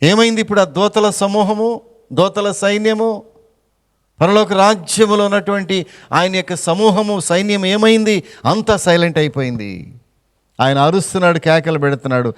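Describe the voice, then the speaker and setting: Man, pastor, impassioned sermon, repeating phrases, high voice, long church reverb. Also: normal speed, clear, resonant tone. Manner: impassioned preaching, repeating phrases, mixing in English words. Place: church sanctuary.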